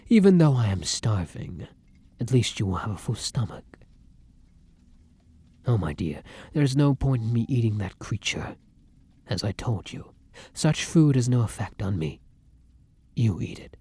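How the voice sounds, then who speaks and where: In an ASMR roleplay addressed to the listener, a man plays a kind, courtly vampire lover who is starving and turning predatory. His medium-pitched, mellow voice is breathy and often sinks to a whisper, heavily acted with a gentle, curious mood. He speaks formally and deliberately in archaic, endearment-laden language with dramatic pauses, and the recording has no echo.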